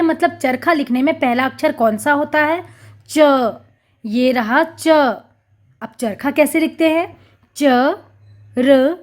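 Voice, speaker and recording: A woman with a high voice gives a lesson for young children. She speaks very slowly and clearly, drawing out each syllable in a sing-song teaching tone. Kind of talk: children's Hindi lesson, reciting and sounding out syllables.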